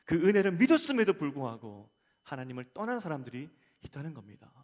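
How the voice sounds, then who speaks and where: A man preaching a Sunday sermon as pastor, swelling louder on his appeals and dropping soft at the ends of phrases. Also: mid-range voice. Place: church sanctuary. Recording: long church reverb.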